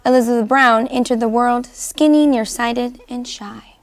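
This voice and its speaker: A woman's voice: a little high, steady tone, unhurried. A woman hosting a children's reading show, reading a rhyming picture book aloud to a kindergarten class.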